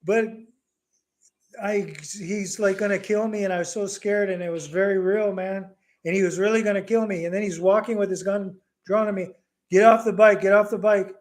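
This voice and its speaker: A middle-aged man hosting a casual live Q&A at home, telling a story with animated energy and mixing Bisaya words into his English. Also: high voice, normal speed. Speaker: livestream host.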